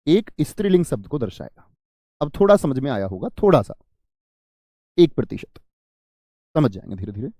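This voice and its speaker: A man's voice: on the high side, warm tone, no room sound, studio quality. A man teaching an exam-prep grammar lesson, who asks his students questions, answers them himself and repeats key phrases.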